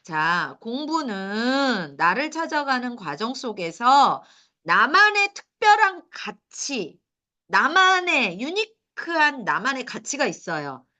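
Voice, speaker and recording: Middle-aged woman lecturer, high bright voice, animated delivery, quizzes the parents. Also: takes it slowly. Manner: animated, asks the audience questions, laughs at her own points. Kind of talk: lecture to mothers.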